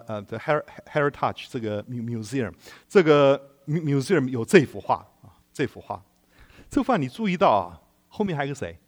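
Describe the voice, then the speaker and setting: A man preaching a sermon in an animated storytelling way, putting rhetorical questions to the congregation and chuckling often. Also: mid-range voice.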